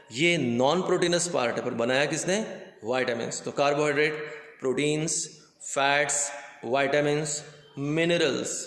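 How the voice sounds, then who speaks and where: A man's voice: fairly high pitch, a bit bright. A man teaching a science lesson in Hindi, explaining with everyday examples, checking in with the class and slipping into English terms. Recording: echoey room with long reverb.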